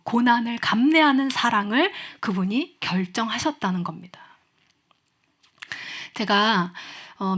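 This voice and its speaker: A woman pastor delivering a Sunday sermon in an earnest, hushed manner that sinks toward near whispers. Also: medium pitch. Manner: soft, hushed delivery dropping to near whispers at emotional points.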